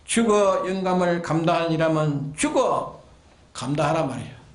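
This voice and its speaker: Male pastor, high pitch, preaching in a reverberant sanctuary, drives home repeated commands and rhetorical questions. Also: moderate pace. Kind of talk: sermon. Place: church sanctuary.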